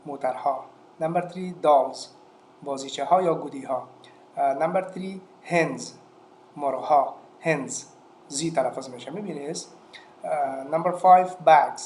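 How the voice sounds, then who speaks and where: A man with an Afghan Dari accent gives an online English lesson in a slightly high, mellow voice. He works patiently, repeating each word slowly with frequent hesitations. The recording sounds echoey, with faint noise behind him. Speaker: English teacher.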